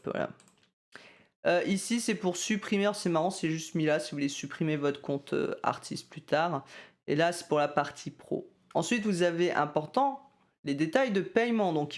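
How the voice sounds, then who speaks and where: A man's voice: a little high, vocal fry. A man walking through a music-selling site's settings in a casual screen-recorded tutorial, talking loosely with lots of hesitations and self-deprecating asides.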